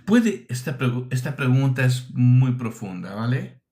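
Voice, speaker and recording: A man's voice: mid-range voice, very animated, unhurried, dark tone. A man from preaching a teaching sermon, emphatic, asking rhetorical questions and repeating his phrases.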